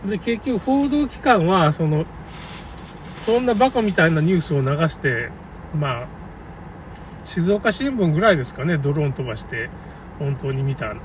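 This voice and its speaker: Describing a local flood, a man with a slightly high voice rambles casually and opinionatedly, animated yet at a moderate pace, with long pauses and widely varying intonation. He's some way from the microphone, and the noisy recording clearly picks up vehicles and street ambience.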